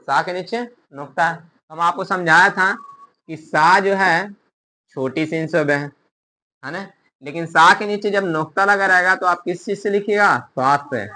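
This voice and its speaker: Bright-voiced man teaching script letters. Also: a little high. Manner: quizzes the viewer, then answers his own questions; spells words out letter by letter, slow and patient. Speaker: Urdu teacher. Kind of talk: online language lesson.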